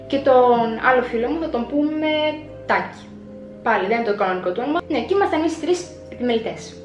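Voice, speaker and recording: A young woman telling a personal story in a vlog, acting out her own past words with dramatic flair. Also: a little high. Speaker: vlogger. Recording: echoey room with faint music.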